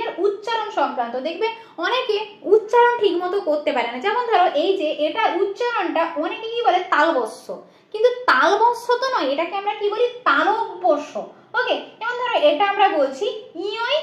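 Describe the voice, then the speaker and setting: High-pitched, brisk woman teaching in an echoey room. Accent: West Bengal. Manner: explains with frequent rhetorical questions and checks. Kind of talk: exam-prep lecture.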